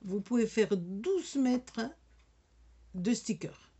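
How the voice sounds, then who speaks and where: A woman's voice: fairly high pitch, expressive, takes it slowly, mellow, breathy edge. A woman with a regional French accent demonstrating a sticker machine in a casual, hesitant way, full of fillers and restarts. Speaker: crafting demonstrator.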